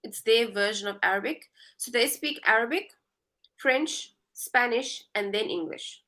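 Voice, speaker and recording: A South African woman in her twenties chats casually over a video call as an English tutor, patiently explaining things. Her voice is a little high and a little slow, bright and forceful.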